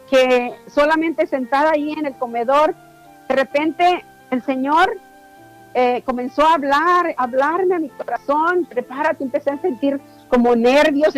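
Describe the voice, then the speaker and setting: High-voiced woman giving fervent testimony. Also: low-quality recording. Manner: fervent, emotional, repeats words. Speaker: church member giving testimony. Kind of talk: personal faith testimony to a congregation.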